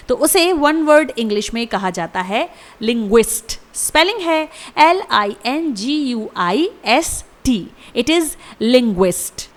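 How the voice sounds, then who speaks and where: A woman teaching an English vocabulary lesson, her fairly high voice rising and falling a great deal. She spells each word letter by letter and says it slowly and deliberately. Her tone stays measured and instructive. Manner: slow deliberate spelling and pronunciation drills.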